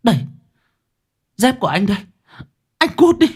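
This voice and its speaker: A man voicing an enraged young woman who screams and scolds her ex-lover in a shrill voice. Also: sing-song, a little fast, slightly rough, heavily acted. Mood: furious.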